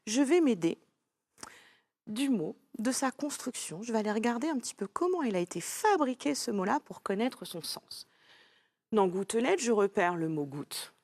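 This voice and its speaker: A woman's voice: fairly high pitch, no echo. A woman teaching a lesson to young children, speaking patiently and encouraging the child directly. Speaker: primary school teacher.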